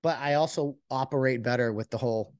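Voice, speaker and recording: A man hosting a podcast alone, talking in a rambling, earnest and self-reflective way, with many halting restarts. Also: medium pitch, clean tone, no room sound, studio quality. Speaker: podcast host. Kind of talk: casual solo podcast monologue.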